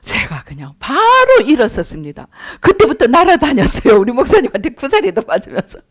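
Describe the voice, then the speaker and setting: A middle-aged woman pastor preaching a sermon and telling her own story in an animated way, acting out her prayers. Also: high voice, a little fast. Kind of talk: sermon with personal testimony.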